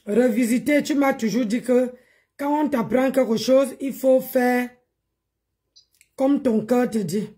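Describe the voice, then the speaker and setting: A woman co-hosts a casual live stream and greets viewers in a playful, chatty way. Her voice sits high and she takes her time between words. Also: a little slow, warm tone.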